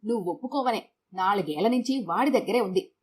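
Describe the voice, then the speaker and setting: A woman's voice: medium pitch, lively intonation, fairly quick, a little mellow, slight background noise, lightly acted. A woman voicing a tired middle-aged husband who lectures his wife. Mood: weary.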